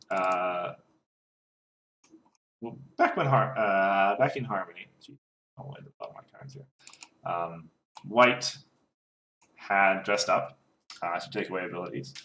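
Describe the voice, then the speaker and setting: A man's voice: deep voice, slow, pauses often, sharp tone, slight background noise. A man co-hosting a casual card game podcast, talking with lots of fillers and restarts. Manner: hesitant, many fillers and restarts. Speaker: co-host. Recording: roomy echo.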